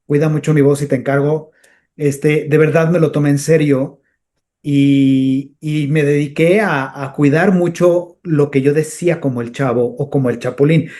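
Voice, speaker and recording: A man chats as a guest in a relaxed interview. He tells stories with lively energy and now and then dips into character voices. His voice sits a touch higher than most men's. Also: moderate pace. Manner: animated storyteller who slips into character voices. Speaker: comedian and voice actor, guest. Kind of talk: casual interview chat.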